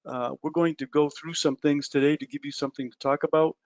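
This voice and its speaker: A man hosts a live trading webinar, talking loosely and conversationally to his listeners with frequent "uh" and "um". His voice is a little high and fairly quick with fairly even intonation, on a dry, lo-fi recording.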